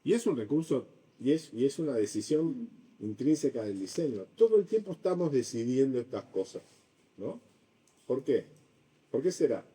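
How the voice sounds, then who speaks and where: A man giving a university design lecture in a classroom, lively and acting out his examples. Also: medium pitch, normal speed, distant mic, poor audio. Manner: animated, acts out examples with shifting voice. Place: lecture room.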